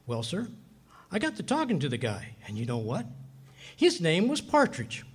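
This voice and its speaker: Here the voice is a little high and moves at normal speed. The man performs a boastful, bumbling middle-aged husband telling folksy tall tales, blustering and excitable, in a live 1940s-style radio play staged at a hotel venue.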